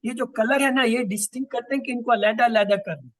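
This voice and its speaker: A man's voice: extremely high pitch, steady tone, dry recording. A man teaching a class, patiently explaining and repeating lists of words. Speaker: Quran grammar teacher. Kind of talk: online class lesson.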